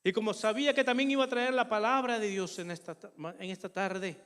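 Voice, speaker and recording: An older pastor preaches with a high voice, his words ringing through a reverberant church hall. He tells a personal story earnestly and with feeling, turning again and again to his congregation as brothers. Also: brisk, a bit bright, clear, resonant tone. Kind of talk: sermon with personal testimony.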